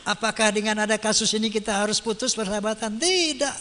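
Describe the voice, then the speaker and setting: A man's voice: high-pitched, fairly even intonation, quick pace, bright, forceful tone. A man preaching a sermon who chants Arabic verses and translates them, asking rhetorical questions and answering them himself. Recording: long hall reverb.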